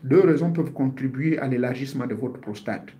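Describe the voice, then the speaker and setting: In a brisk, medium-pitched voice, a man in his fifties who practices martial arts offers health advice to viewers. He talks earnestly and informally, frequently repeating himself and groping for words.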